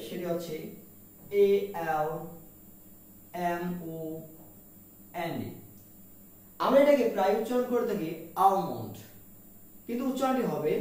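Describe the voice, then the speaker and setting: A man's voice: sits high, a little mellow, distant mic. A man running a pronunciation lesson, spelling words out letter by letter and repeating them, asking his listeners what each word is. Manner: mixes Bengali and English, asks "what is it?". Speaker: English teacher. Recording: very echoey room, voice from off-mic.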